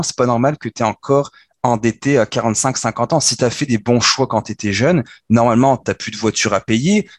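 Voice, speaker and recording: Québécois man explaining finance briskly. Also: medium pitch, husky, no echo. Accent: Québécois French. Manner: fast, animated explaining with frequent restarts. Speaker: podcast co-host explaining personal finance. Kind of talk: casual podcast chat.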